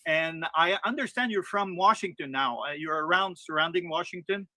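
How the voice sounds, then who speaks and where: Brief: male interviewer, native French with Quebec accent, halting phrasing, fairly high bright voice, dry close sound. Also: no room sound. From Quebec, Canada. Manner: halting, searching for words in English. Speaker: interviewer, channel host.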